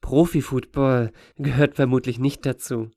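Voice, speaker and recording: Narrator as a quiet, matter-of-fact man: calm, patient, mid pitch, dry. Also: normal speed, dry recording, close to an everyday voice.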